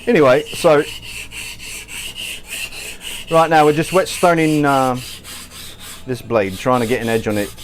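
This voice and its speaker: A man's voice: medium pitch, fairly even intonation, measured pace, long pauses, slight background noise. An American man hosting a casual cooking livestream, chatty and joking as he answers viewers while he works in his kitchen. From United States. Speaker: cooking show host.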